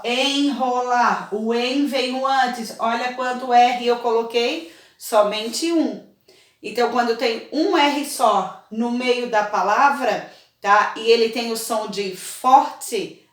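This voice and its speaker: A woman teaching a children's spelling lesson, slow and patient, often checking in with her pupils. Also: fairly high pitch. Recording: echoey room, voice a bit far from the mic.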